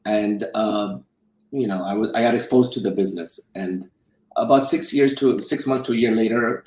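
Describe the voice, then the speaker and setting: Speaking in a lowish, slightly mellow voice at a moderate pace, a middle-aged man tells his story as an interview guest, looping back to repeat and reword things. He came from Romania and was raised in South Dakota from childhood, and works as a film executive producer and financial advisor. The room sounds echoey.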